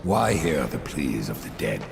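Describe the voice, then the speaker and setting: A grim horseman of death in a game, cold and dryly sarcastic. His voice is extremely low and gravelly yet lively in its inflection. Loud music plays behind him. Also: measured pace, exaggerated voice. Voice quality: dry, sardonic, gravelly. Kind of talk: game cutscene voice acting.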